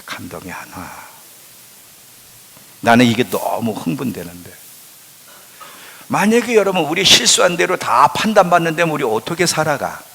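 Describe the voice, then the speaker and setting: Male pastor with a lilt, lively pitch, quizzes his flock and answers himself; long church-hall echo. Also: normal speed, vocal fry, long pauses, husky. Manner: asks the congregation questions and answers them himself; emphatic, swings between loud and hushed. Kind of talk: sermon. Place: church sanctuary.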